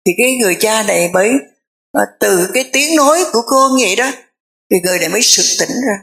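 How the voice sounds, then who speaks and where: Nun telling a story. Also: female voice, medium pitch, expressive, gravelly, fairly bright tone. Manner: conversational, repetitive fillers, drawn-out phrases. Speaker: Buddhist nun. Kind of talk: dharma talk storytelling.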